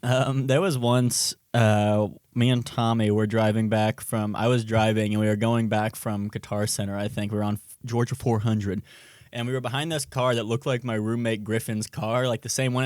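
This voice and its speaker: A man's voice: on the low side, little pitch movement, brisk, darkish tone, no room sound, clean studio sound. A young man co-hosting a podcast, telling stories in a rambling, casual way. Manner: rambling, trails off and restarts. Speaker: podcast co-host. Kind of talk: casual chat.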